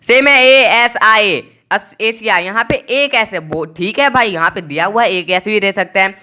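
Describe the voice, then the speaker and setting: A man teaching a pronunciation lesson, spelling out letters slowly and repeating each point. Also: sits high, pushed and bright, clean tone.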